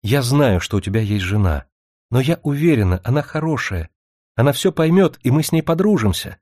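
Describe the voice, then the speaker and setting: A man voicing a young secretary woman who speaks calmly and flippantly, then pleads in tears. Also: medium pitch, fairly quick, dry recording, studio quality. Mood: eager. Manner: calm and flippant at first, later pleading.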